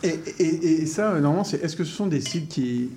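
A man's voice: a little high, animated, brisk, warm tone, slight background noise. A man with a French accent hosting a radio tasting show, thinking aloud and repeating words as he talks. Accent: French from France. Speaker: radio host. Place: radio studio.

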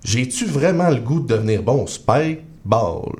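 A man with a Quebec French accent telling comic personal stories as a guest on a radio show, self-mocking and quick with asides. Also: mid-range voice, sing-song, darkish tone. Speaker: guest columnist. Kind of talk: comic radio chronicle, casual banter. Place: radio studio.

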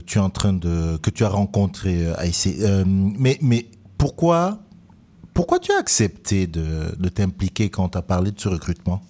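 A man hosts a radio interview, often murmuring agreement and filling pauses with hesitations. His voice is very low, mellow and dark. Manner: affirming murmurs, filler-laden. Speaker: radio host.

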